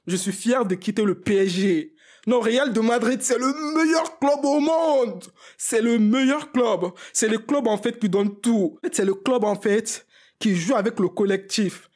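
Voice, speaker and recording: A man giving an emotional football match reaction to his viewers, repeating himself as he tries to calm down. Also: high-pitched, slightly rough. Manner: excited, repeats himself, talks straight to viewers. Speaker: football video creator.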